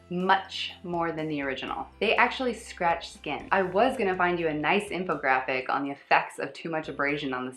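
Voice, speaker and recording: A woman's voice: sits low, fairly bright tone, roomy sound. A woman chatting casually in a product review vlog, with wry, sarcastic asides.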